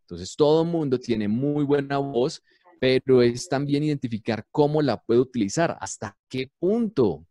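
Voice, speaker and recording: A man talks through how radio tells stories, firing rhetorical questions and then answering them himself. His voice is mellow and dark, and it sounds dry and close. He speaks like a teacher walking a class through each step. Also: medium pitch, lively intonation, moderate pace, no echo. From Colombia. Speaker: university radio producer and teacher. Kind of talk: explanatory talk on radio storytelling.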